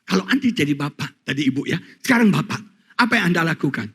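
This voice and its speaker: A male pastor with an Indonesian accent preaching a sermon, telling stories to the congregation with dramatic swings between loud, excited highs and soft, quiet passages. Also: fast, breathy edge. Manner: animated storytelling, addresses congregation as saudara.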